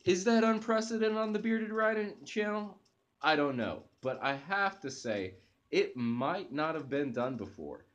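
A young man reviews coffee for his channel from his sofa, his high voice animated and his pace measured. He speaks eagerly to camera, pausing on fillers and restarting sentences. The mic is a close-range webcam.

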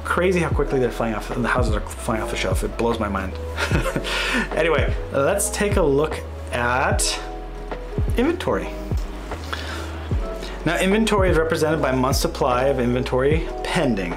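A real estate agent in his thirties gives a relaxed market update from his home office while sharing his screen. He rambles a little, fills pauses and corrects himself mid-sentence. His pitch sits in the middle for a man, and background music plays clearly beneath his webcam audio. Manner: chatty, thinking aloud with fillers and self-corrections.

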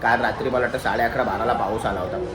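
A man's voice: mid-range voice, fairly even intonation, fast talker, a loud crowd. A young man, chatting casually to viewers and family in a home vlog shot on a phone. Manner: chatty, addresses viewers directly. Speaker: vlogger.

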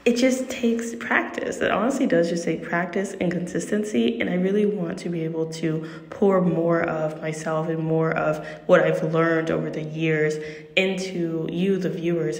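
Woman, effusive casual vlogger, fry-edged delivery, reverberant bathroom recording with music underneath. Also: fairly low pitch. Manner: chatty, effusive, self-interrupting. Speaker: video host and painter. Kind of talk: casual chatty product review voice-over. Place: small echoing bathroom, indoors. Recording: echoing bathroom, music behind. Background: background music.

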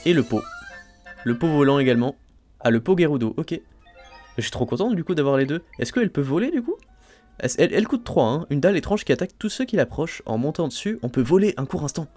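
A man casually talking through his own gameplay, thinking aloud and filling pauses with little fillers. He gets excitable over each new discovery. Faint game music plays softly behind him. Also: a little high. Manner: chatty, thinks aloud, frequent "hein" and "euh" fillers. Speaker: let's play host.

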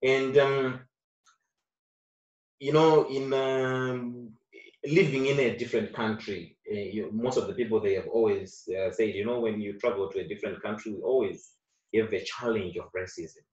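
A Zimbabwean actor whose first language is Shona is interviewed casually, talking at a moderate pace. He's earnest, repeats phrases, and gets animated with rises in pitch and loudness, while the mic sits far off, giving a roomy, dull sound.

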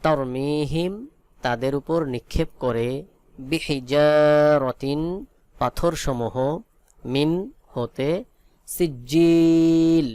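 A Bangladeshi-accented man teaches Quran reading at an unhurried pace. He spells out letters and vowel marks one by one, then draws the words out in a slow chant. His voice is smooth and resonant, and the recording is dry and close. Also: mid-range voice, no room sound. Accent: Bangladeshi Bengali. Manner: slow, drawn-out syllable-by-syllable spelling with chanted recitation. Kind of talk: spelling-out Quran recitation lesson.

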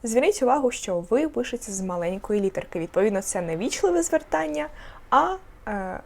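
A woman's voice: fairly high pitch, sing-song, brisk, creaky. A woman teaches a beginners' language lesson to her online students. She explains each point patiently, repeats the key words, and stretches out the example phrases so they are easy to copy.

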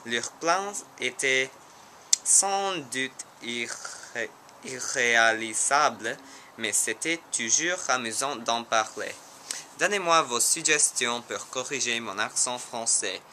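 A teenage American boy, a native English speaker, reading aloud in learner's French with a clear American accent, halting and correcting himself on harder words. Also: medium pitch, expressive, sharp tone, slight background noise. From United States. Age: teens. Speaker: language student.

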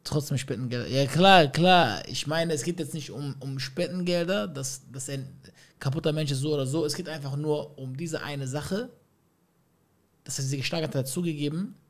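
A man's voice: fairly high pitch, brisk. Man musing to his viewers in slang. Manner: musing, asks the viewers questions, street slang. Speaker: reaction streamer. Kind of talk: casual reaction commentary.

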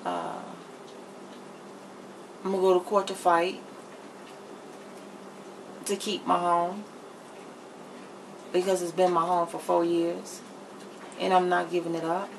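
A middle-aged woman vlogs while cooking, chatting candidly to camera in a blunt, emphatic way. Her voice is lowish and gravelly, with flat delivery, a slow pace and long pauses. The camera mic in her home kitchen gives a low-quality recording with some background noise.

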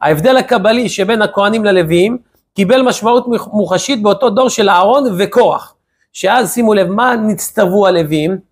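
Male rabbi teaching the weekly portion; raised pitch with a breathy edge, animated storyteller. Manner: lively storyteller asking rhetorical questions. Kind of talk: weekly Torah lesson.

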